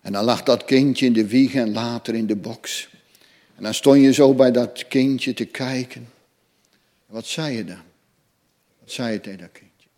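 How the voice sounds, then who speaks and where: A man preaching a sermon to his congregation, swelling loud and fervent, then dropping low and soft. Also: a little slow, pauses often. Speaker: pastor. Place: church hall. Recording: long church reverb.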